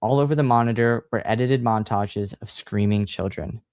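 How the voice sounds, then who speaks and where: A man hosting a livestream, chatting casually and reading a horror book aloud in a relaxed, sighing manner. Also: lowish voice, moderate pace, clear, resonant tone, no echo, clean studio sound. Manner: relaxed, sighing, laid-back.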